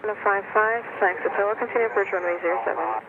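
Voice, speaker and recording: A man working as an air traffic controller, giving rapid, clipped instructions over a radio transmission heard through a headset. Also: high voice, fairly even intonation. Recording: lo-fi radio with static hiss.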